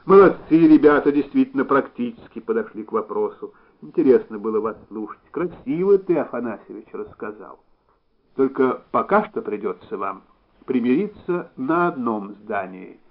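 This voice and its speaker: A male narrator puts on an older Soviet official of real weight, slow and folksy in his speech. He lays out each phrase deliberately, in a middling voice. The audiobook recording sounds a little dull. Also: mid-range voice, lively intonation. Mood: wistful.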